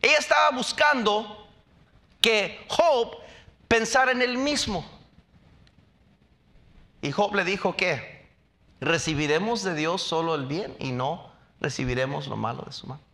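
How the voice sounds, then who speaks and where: A man's voice: high voice, measured pace, pauses often, sharp tone. A male preacher delivering an emphatic sermon, questioning his congregation and acting out quotes. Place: church.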